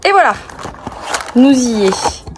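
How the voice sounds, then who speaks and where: Young girl vlogger, bubbly and gushy, slangy casual chat, recorded outside with clear traffic noise behind her. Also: sits high, takes it slowly. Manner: bubbly, gushing, girlish excitement with slang. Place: outdoors near passing cars.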